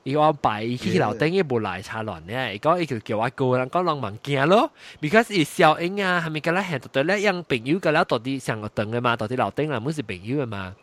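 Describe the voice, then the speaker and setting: A man hosting a casual chat, telling a ghost story in an animated way, laughing often and mixing in English words. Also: mid-range voice, brisk, hardly any pauses, no room sound. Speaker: host.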